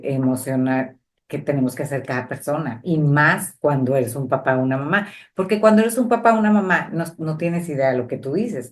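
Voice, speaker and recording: Low-voiced woman telling stories. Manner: animated personal storytelling, frequent "o sea" and "¿sabes?" tags. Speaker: podcast co-host. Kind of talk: casual conversation.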